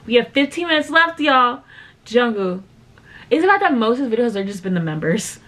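Reacting to videos from her room at home, this eighteen-year-old woman laughs frequently and chats to her audience as "y'all." She speaks with a high-leaning, very lively voice, a little quickly and with a fairly bright tone, while music from the clip plays amid slight background noise.

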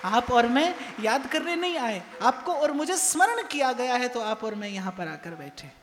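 A man's voice: extremely high pitch, sing-song, normal speed, fairly bright tone, a faint crowd, a little hiss or hum. A man giving a devotional sermon in a temple hall, speaking emphatically and repeating phrases for effect. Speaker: spiritual discourse speaker. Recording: long hall reverb, faint music behind.

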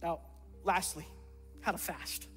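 A middle-aged pastor preaches a sermon from a church stage before a congregation, emphatic and repeating words for stress. His fairly high voice holds an even intonation and moves slowly. The hall is reverberant, with soft music behind him.

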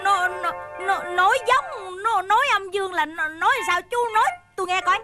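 A very high-voiced scolding wife. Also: female voice, moderate pace. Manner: scolding, blunt. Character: sharp-tongued fierce wife, chị Tư. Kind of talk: stage comedy skit acting. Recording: backing music on stage.

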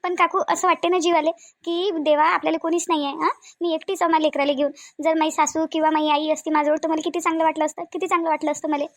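A woman's voice: high-pitched, little pitch movement, fast, no room sound, clean studio sound. A woman voicing a lonely young new mother in a Varhadi Marathi accent, speaking in a hesitant, plaintive way in a cartoon. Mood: sad. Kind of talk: cartoon voice acting.

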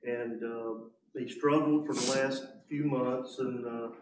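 A man in a church congregation quietly and haltingly thanking everyone. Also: medium pitch, fairly even intonation. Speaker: congregation member. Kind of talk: sharing a family update. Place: church sanctuary. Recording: roomy, distant from the mic.

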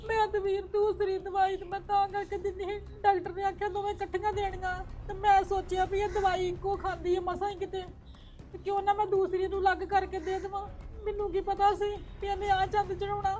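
High tearful woman. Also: level tone, fairly quick, dark tone, a little hiss or hum. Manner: tearful, complaining. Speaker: sister in a family drama. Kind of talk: village drama acting.

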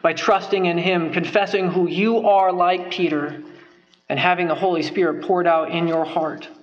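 A young man with a high voice preaches a sermon at a wooden pulpit in a church sanctuary, keeping a steady tone and moderate pace. He sounds earnest and emphatic, driving points home through repetition. The pulpit microphone gives a muffled recording.

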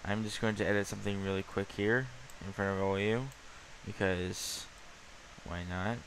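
A young man casually talking through things on his computer screen, rambling with lots of ums and pauses. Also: on the low side, little pitch movement, fairly bright tone, a little hiss or hum, rough recording. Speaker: YouTuber showing his desktop. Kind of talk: casual screen-recording chat.

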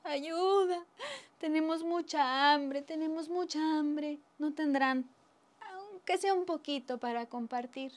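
A woman's voice: sits high, takes it slowly, voice pushed up. A woman voicing hungry poor people who plead for food in a whimpering voice.

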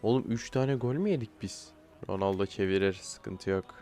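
Playing a football video game, a young man narrates live and casually in a fairly low, dark-toned voice at a moderate pace. This gaming YouTuber gets frustrated often, blurting out complaints and curses aimed at his players.

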